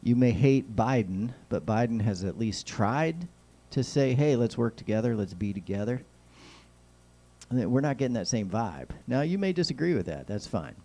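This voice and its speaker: A man's voice: mid-range voice, very animated, moderate pace, few pauses, warm tone. An American man hosting a casual, lightly humorous talk show in a folksy, rambling, neighbourly way, with whistling s sounds. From Kansas City, United States. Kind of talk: casual solo political chat with light humour.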